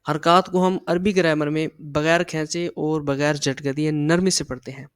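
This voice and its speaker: A man teaching a Quran reading lesson, patiently explaining and slowly drilling syllables aloud. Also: a little high, steady tone, clear, resonant tone, dry recording.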